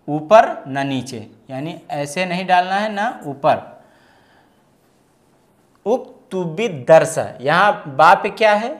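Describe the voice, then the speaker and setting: A man teaching an Arabic grammar lesson step by step, patiently asking questions and answering them himself, and reading example phrases slowly and carefully. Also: on the high side, a bit bright. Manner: explains patiently, asks and answers his own questions.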